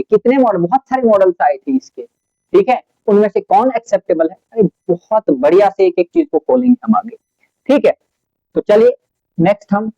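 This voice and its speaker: A man's voice: high voice, mellow, no room sound, muffled recording. A man giving a biology lecture at a board, asking his students questions and answering them himself, mixing English terms into his explanation. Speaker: biology teacher. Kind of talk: classroom lecture at a whiteboard.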